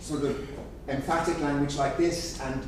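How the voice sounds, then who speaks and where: At a moderate pace and with fairly even intonation, a man with a fairly high, darkish voice gives a research presentation at a conference. He patiently explains examples, repeatedly hedging with "sort of." An echoey conference room, a mic placed far off, and faint noise mark the recording.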